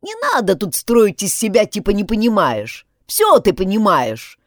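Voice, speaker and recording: A woman's voice: mid-range voice, huge pitch swings, unhurried, no echo, studio quality. A woman voicing a stern, pushy young village man who presses and threatens. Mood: accusing.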